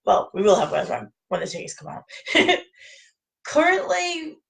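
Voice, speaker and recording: A woman co-hosting a casual chat, rambling and chatty with frequent laughs and a gravelly voice. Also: medium pitch, big pitch swings, normal speed. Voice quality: gravelly, creaky voice. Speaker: podcast co-host. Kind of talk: casual chat about fan conventions.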